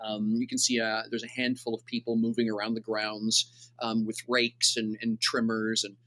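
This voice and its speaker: A man's voice: fairly low pitch, completely flat delivery, moderate pace, pushed and bright, no echo. A man as game master, describing a scene unhurriedly with many fillers and restarts. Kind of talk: narrating a tabletop game.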